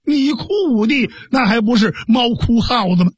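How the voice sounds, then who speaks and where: A man voicing a blunt, hot-headed middle-aged warrior who talks in a gruff, teasing and stubborn way. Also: very high voice, moderate pace, no room sound, studio quality. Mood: gruff needling.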